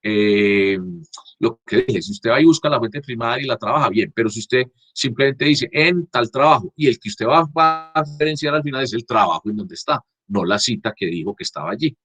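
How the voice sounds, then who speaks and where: Husky-voiced male teacher, dry close computer mic, halting delivery with frequent restarts. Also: mid-range voice, expressive, fairly bright tone, dry recording. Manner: halting, frequent restarts, checks understanding with "¿cierto?". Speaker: university teacher. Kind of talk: online class lecture. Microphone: computer mic on a video call.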